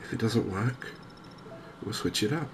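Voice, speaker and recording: Softly and in a low register, a man hosting a gaming video talks through a game in an ASMR style, taking his time. His phrasing is measured and hesitant, broken by long gaps, over clearly audible background noise.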